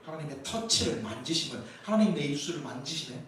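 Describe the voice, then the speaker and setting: Preaching his Sunday sermon from the sanctuary, this pastor has a fairly high, somewhat bright voice and talks quickly and expressively, pressing his points with emphasis and one rhetorical question after another. Captured from far away, the audio carries the echo of the church hall and slight noise.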